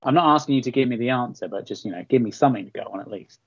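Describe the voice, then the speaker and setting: A man's voice: mid-range voice, expressive, very fast, breathy edge, no room sound. A man on a podcast panel, pleading and joking as he struggles with a quiz question. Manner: exasperated, pleading, jokey. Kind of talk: casual group chat on a live call. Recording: dull lo-fi call audio.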